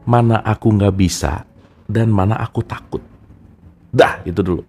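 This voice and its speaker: A man's voice: on the low side, normal speed, darkish tone, husky, soft background music. A man giving a casual, chatty talk about a self-help book and speaking straight to his listeners as friends. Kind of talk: casual spoken book discussion.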